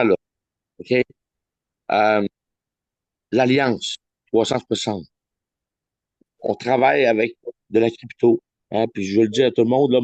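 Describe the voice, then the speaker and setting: A man hosting a weekly video call, halting with many restarts. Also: mid-range voice, a little mellow, no room sound, muffled recording. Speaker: host of a weekly Zoom meeting. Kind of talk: informal presentation on a video call.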